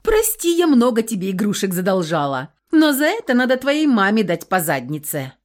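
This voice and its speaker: A woman reading an audiobook, voicing a lively, outspoken young woman friend. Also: mid-range voice, moderate pace, natural voice. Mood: gentle. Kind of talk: audiobook character voice.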